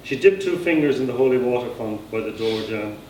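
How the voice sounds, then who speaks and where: Here the Irish author sounds livelier, his medium-pitched, darkish voice moving a little fast as he narrates a passage from his own novel. It's an indoor reading at a society event, picked up by a distant mic in an echoey space with faint noise.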